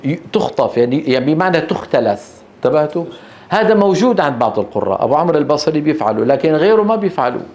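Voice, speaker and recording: A male Quran recitation teacher with a fairly high voice lectures in a room with a lot of echo. He quizzes his students with quick questions and answers them himself. He stretches each recited verse out slowly to demonstrate it. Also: big pitch swings, darkish tone. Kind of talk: classroom lecture with recited examples. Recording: echoey room.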